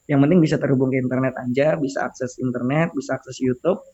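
A young man chatting casually as a guest on a podcast, playful and quick to laugh. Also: medium pitch, fairly even intonation, dark tone, husky, lo-fi sound.

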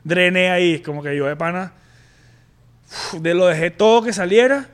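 A young man with a Venezuelan accent candidly telling a personal story on a podcast, halting and full of slang. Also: high voice, animated, clean tone. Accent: Venezuelan Spanish. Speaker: podcast co-host.

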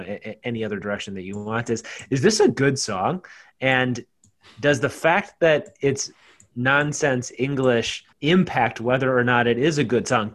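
A man hosting a casual panel discussion, often filling pauses with "uh" and "um". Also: medium pitch. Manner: fills pauses with "uh" and "um". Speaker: podcast host.

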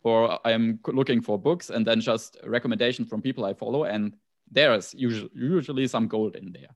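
A man with a German accent in a relaxed podcast conversation, thinking aloud with frequent restarts and asides. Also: medium pitch, normal speed.

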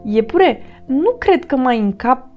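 A woman voicing a small, busy squirrel in a children's storybook, quick and chattering. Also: high-pitched, sing-song, darkish tone, dull audio, faint music behind, pitched above the performer's own voice. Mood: chatty. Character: small busy squirrel, friendly then grumbling.

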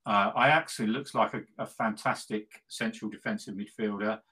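Speaking at a normal pace with a fairly low, husky, sharp-toned voice, this middle-aged football podcast co-host and West Ham supporter talks casually, gleefully and with tongue in cheek, often repeating points to drive them home.

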